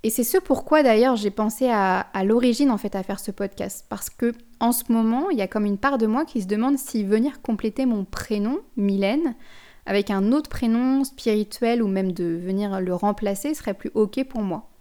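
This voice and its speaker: A woman's voice: medium pitch, moderate pace, mellow. Reflective woman hosting a spiritual podcast. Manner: reflective, addresses listener directly, frequent restarts. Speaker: podcast host.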